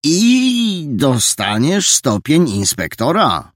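A bossy, self-assured boy detective, put on by a man in a storybook reading, lecturing his friends with lively, bouncing intonation. The voice sits higher than the narrator's own, with a husky, slightly gravelly grain. The sound is dry and close. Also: measured pace, no room sound, heavily acted. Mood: brisk.

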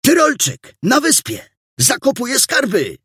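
A shrill, shouting boy detective. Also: huge pitch swings, slow pace, husky, no echo, studio quality, exaggerated voice. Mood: alarmed. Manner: shouting, alarmed. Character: excitable boy detective, loud and jumpy.

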